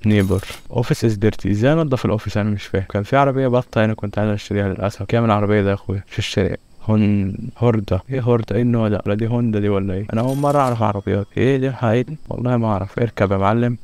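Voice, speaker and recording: A young Egyptian man rattles off rapid let's-play commentary in a low voice. He jokes and bargains with the game's customers as he goes, his Egyptian Arabic accent plain throughout. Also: steady tone, a little mellow. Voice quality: joking, bantering with game customers. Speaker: gaming YouTuber.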